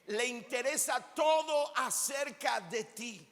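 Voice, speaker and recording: A man delivers a sermon from the pulpit in a high, bright voice. He speaks slowly and deliberately, drawing out key words and rising into shouts. His voice trails off into the long echo of a large church hall. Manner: emphatic preaching with slow drawn-out phrases and sudden shouts. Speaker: pastor.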